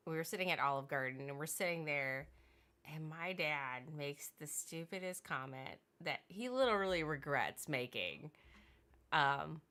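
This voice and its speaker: Woman, co-host, slightly low voice with crisp brightness, unhurried. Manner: slow, thoughtful reasoning with hedging fillers. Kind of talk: casual chat.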